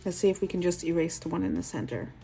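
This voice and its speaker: A woman's voice: on the low side, fast, creaky, dark tone, faint music behind. A woman with a New York accent hosting a nail art tutorial, talking through each step with chatty, self-deprecating asides.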